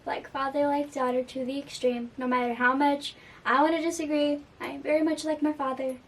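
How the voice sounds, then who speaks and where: A woman's voice: high-pitched, level tone, brisk, recorded from a distance. A young woman talking earnestly about a song in a casual reaction video, with frequent fillers. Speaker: music reaction vlogger.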